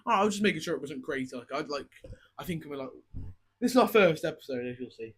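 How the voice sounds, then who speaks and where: Fast, bright-voiced man, swearing. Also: on the high side, husky. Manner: swears constantly, excitable rants. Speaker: podcast co-host. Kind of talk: casual chat. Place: home room with garden furniture. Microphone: cheap budget mic.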